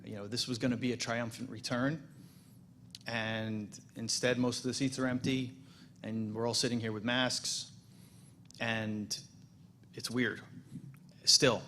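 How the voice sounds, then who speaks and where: A man's voice: mid-range voice, level tone, unhurried, long pauses, pushed and bright, a little hiss or hum. Casual joking man at a podium. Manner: casual, self-deprecating humor, frequent restarts. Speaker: congregation president. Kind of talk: welcome speech at a holiday service. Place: synagogue sanctuary.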